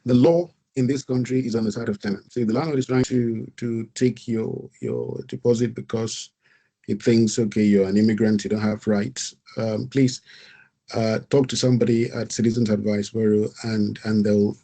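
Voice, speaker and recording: Gravelly, husky-voiced man pastor. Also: mid-range voice, fairly even intonation, moderate pace, mellow. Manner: earnest, repeats words, laughs lightly. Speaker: pastor and facilitator. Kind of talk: advice in an online talk.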